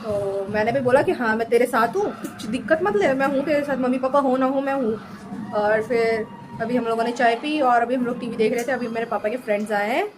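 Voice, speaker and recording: Woman, casual vlog chat, higher-pitched, talks to viewers, emphatic, noisy background. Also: a little fast. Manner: chatty, talks straight to viewers; heated and emphatic when ranting. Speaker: vlogger.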